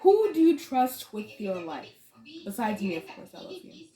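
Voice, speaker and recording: A woman's voice: fairly high pitch, big pitch swings, normal speed, dark tone. A young woman asking her mother questions in a playful, giggly, casual chat. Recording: echoey room.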